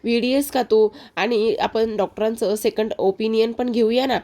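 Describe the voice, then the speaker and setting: A woman's voice: on the high side, fairly even intonation, moderate pace, dark tone, natural voice. A woman voicing an older man who firmly but kindly scolds a worried young woman. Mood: chiding. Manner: chiding, firm.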